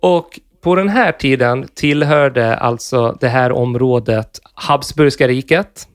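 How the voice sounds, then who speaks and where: A man co-hosting a podcast, explaining history in a relaxed, chatty way and swearing now and then. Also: mid-range voice, dry recording, clean studio sound. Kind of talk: casual podcast chat.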